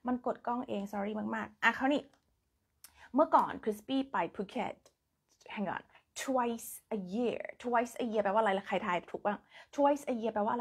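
Thai lady doing a live english lesson on her phone, kinda husky voice, chatty, thai accent, repeats words over and over. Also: a little high. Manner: chatty, switches between Thai and English, drills words by repetition. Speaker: English teacher on a live stream. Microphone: phone camera.

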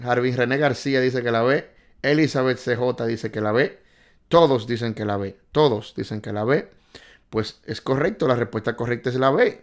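A man hosting a casual live stream, quizzing viewers on driving test questions and reading their answers aloud. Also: medium pitch. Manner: excitable, reads out viewers' answers, jokes and scolds.

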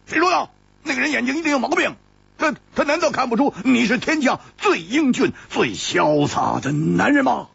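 A male storyteller voicing a brash, hot-tempered young swordsman who exclaims and stammers loudly. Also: fairly high pitch, big pitch swings, a little slow, vocal fry, slightly rough, no echo, muffled recording, pitched above the performer's own voice, heavily acted. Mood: blustering.

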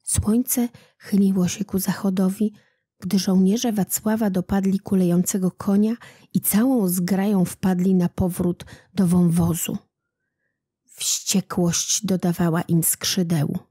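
A woman narrating a storybook legend in a calm, unhurried reading voice. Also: medium pitch, breathy edge, dry recording, clean studio sound. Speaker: audiobook narrator.

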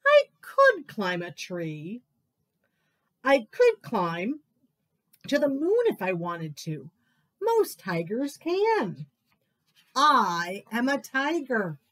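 A woman's voice: on the high side, huge pitch swings, very slow, long pauses, fairly bright tone, exaggerated voice. A woman voicing a small, stubborn mouse who insists he is a tiger, in a picture-book read-aloud. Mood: stubborn boasting. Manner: stubborn, defiant.

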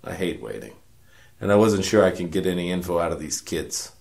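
Narrating his case at a brisk clip, a cynical hard-boiled private eye, voiced by a man, anchors this noir radio parody. The delivery is deadpan, wry and puffed up with self-importance, carried by a low, heavily creaky voice.

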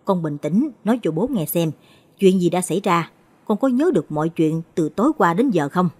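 A woman voicing a middle-aged man who speaks calmly and reassuringly in an audiobook. The husky voice moves in a lively way yet stays gentle and steady. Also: fairly low pitch, brisk. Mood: soothing. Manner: calm, reassuring. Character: calm middle-aged man soothing his brother. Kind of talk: storytelling audiobook.

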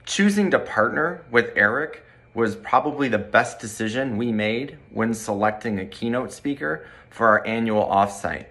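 Man in his forties, earnest testimonial, measured polished delivery, close webcam, bright room. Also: mid-range voice, lively intonation. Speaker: corporate training director. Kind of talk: read testimonial to camera. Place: bright room by large windows, indoors.

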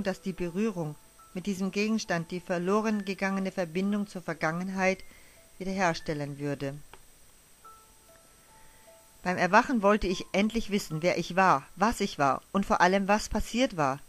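A woman narrating a first-person audio drama in a hushed, wistful storytelling manner, over faint music. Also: mid-range voice, moderate pace.

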